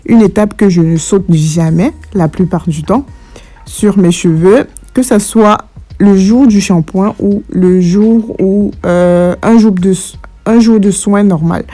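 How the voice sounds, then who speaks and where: A woman's voice: mid-range voice, takes it slowly, mellow. A woman narrating a casual hair care tutorial, speaking informally and directly to her viewers. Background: faint background music.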